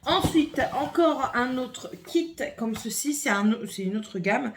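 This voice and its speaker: There's heavy background noise as a beauty vlogger with a high-pitched, animated voice takes it slowly through a casual makeup haul at home. Filming on her phone, she chats and thinks out loud while she opens and swatches products.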